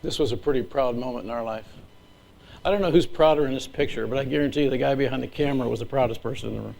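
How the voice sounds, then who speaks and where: A middle-aged man, an Air Force leader, gives an earnest, emotional speech from slides with measured pauses. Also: mid-range voice, creaky, darkish tone, slight background noise, low-quality recording.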